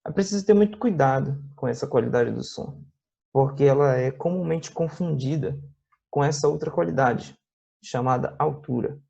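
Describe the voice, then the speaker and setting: Gravelly Brazilian male music teacher. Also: mid-range voice, dark tone. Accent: Brazilian Portuguese. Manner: explains slowly with many tag questions, plays guitar and sings examples. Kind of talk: classroom video lesson. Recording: dull lo-fi recording with faint guitar.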